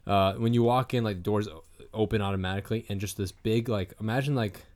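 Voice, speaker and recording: A man's voice: lowish voice, brisk, a little mellow. A man in his twenties, co-hosting a podcast in a rambling, casual chat full of fillers and swearing. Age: 20s. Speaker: podcast co-host.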